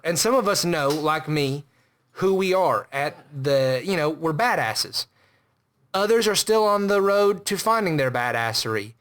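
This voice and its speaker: High-pitched guy hosting a comedy podcast, rambling, bragging nonstop. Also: a bit bright. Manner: boastful, rambling and self-important. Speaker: podcast host. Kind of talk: comedic character monologue.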